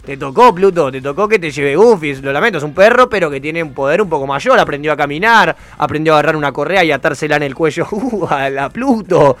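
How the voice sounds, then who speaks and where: A man with a Rioplatense accent hosting a radio show from the studio, loud and excitable, swearing casually. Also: fairly high pitch, fairly quick, few pauses. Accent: Rioplatense Spanish. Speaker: radio host.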